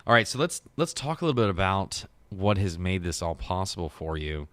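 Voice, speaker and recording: A man hosting a podcast with an upbeat, joking way of talking. His voice sits low, and the sound is close and dry with no room echo. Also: very animated, a little fast, fairly bright tone. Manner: upbeat, joking, loose with fillers. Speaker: podcast host. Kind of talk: casual interview intro.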